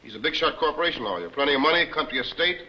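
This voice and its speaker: A wisecracking, slangy newspaper reporter, played by a man, talks fast with a lively swing. The 1940s soundtrack is dull and lo-fi. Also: fairly high pitch, natural voice. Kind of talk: 1940s film serial acting.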